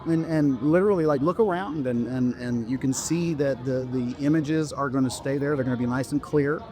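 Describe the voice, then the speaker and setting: A man's voice: mid-range voice, a little fast, warm tone. A man casually demonstrating a product to someone face to face, with informal, instructive sales patter. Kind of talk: casual product demo to a passer-by.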